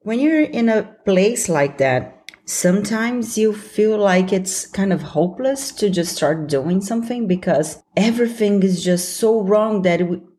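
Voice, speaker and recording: This young Brazilian woman speaks in a mellow, mid-range voice with a Brazilian accent. Hosting a solo motivational podcast, she sounds earnest and supportive and laughs readily.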